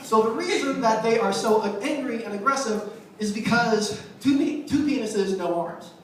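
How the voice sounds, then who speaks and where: A man doing a stand-up comedy set, talking casually and self-deprecatingly with halting fillers. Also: very high-pitched. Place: small comedy club. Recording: echoey club heard from the mic at a distance, faint crowd noise.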